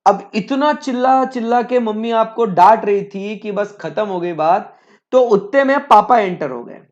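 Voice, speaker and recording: A man's voice: high-pitched, a little slow, lo-fi sound. A male teacher giving a live online lecture, talking conversationally and repeatedly checking in with his students.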